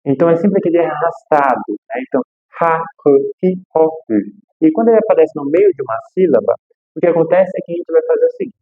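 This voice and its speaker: A man teaching French pronunciation, repeating each example word slowly. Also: a little high, huge pitch swings, narrow, tinny audio. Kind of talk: pronunciation lesson.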